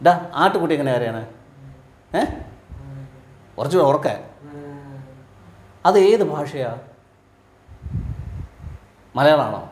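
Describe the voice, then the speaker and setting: A man from Kerala teaching like a preacher, firing quick rhetorical questions at his listeners and dropping low and quiet at the ends of his points. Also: expressive, slight background noise. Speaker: spiritual teacher. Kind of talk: sermon-style teaching to a live audience. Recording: roomy echo from a hall.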